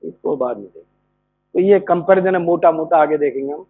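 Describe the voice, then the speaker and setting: A man's voice: on the high side, brisk, vocal fry, slightly rough, no echo. A male medical college lecturer, explaining a topic and answering his own rhetorical questions. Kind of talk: classroom lecture. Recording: tinny phone-like lo-fi audio.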